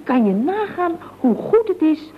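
A theatrical, gossipy office girl with a very high voice that leaps wildly up and down. She talks in big exaggerated swoops. The recording is a dull, lo-fi old radio tape. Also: big pitch swings, measured pace. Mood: dramatic. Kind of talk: 1960s radio comedy acting.

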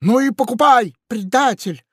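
A man's voice: very high voice, very animated, a little slow, fairly bright tone, no echo, clean studio sound, voice pushed up, exaggerated voice. A man doing a squawky grumpy parrot. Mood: indignant. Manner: squawking, indignant. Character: grumpy sharp-tongued talking parrot.

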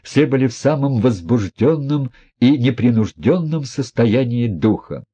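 A male audiobook narrator with a mellow, husky voice. He reads literary prose in a measured, expressive way. His pitch moves widely across each sentence.

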